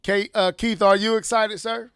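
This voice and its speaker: High-voiced hyped male stream host. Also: little pitch movement, normal speed, clean tone, dry recording. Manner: hyped and playful, often loud. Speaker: podcast host. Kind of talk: casual chat with co-hosts.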